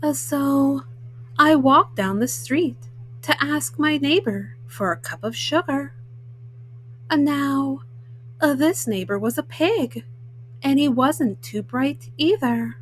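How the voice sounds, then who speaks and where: A woman voicing a folksy, self-justifying male wolf in a storybook, haltingly, with frequent uhs. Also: sits high, expressive, a little hiss or hum, rough recording. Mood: self-justifying, matter-of-fact. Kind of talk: storybook read-aloud in first person.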